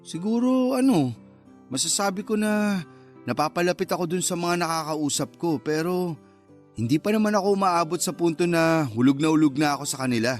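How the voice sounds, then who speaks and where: This man's fairly high, expressive voice moves briskly and stays close to how he'd normally talk, with faint music in the background. Acting in a conversational radio drama, he plays a hesitant, candid younger man drawn to older women, casual but slightly on the defensive.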